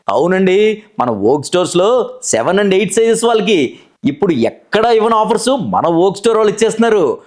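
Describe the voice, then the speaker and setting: A man puts on an excited announcer for a shop advertisement. The voice sits far above his normal pitch and exclaims every offer in an eager hard-sell rush.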